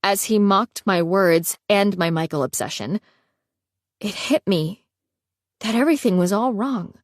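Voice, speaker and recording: A woman reading a first-person romance audiobook in a steady storytelling manner. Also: mid-range voice, a little slow, dry recording, studio quality. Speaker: audiobook narrator.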